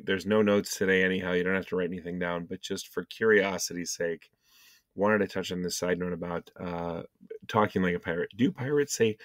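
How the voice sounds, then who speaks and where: Low-voiced man teaching in a dry basement. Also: fairly bright tone, no room sound. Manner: chatty, with frequent ums and asides. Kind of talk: casual video lesson. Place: home basement.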